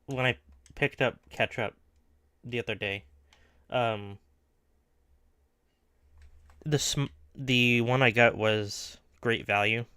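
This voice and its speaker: A man's voice: mid-range voice, takes it slowly, long pauses, smooth, no echo, studio quality. A man streaming a truck game, chatting offhandedly with a friend about everyday things. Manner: relaxed, offhand small talk. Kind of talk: casual chat while gaming.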